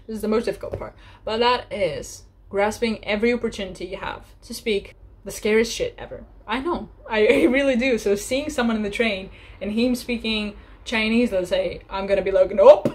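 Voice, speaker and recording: A young woman in her twenties giving casual language-learning advice in a chatty, animated vlog, often laughing. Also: mid-range voice, moderate pace. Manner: chatty and animated, laughs often, acts out little sample dialogues.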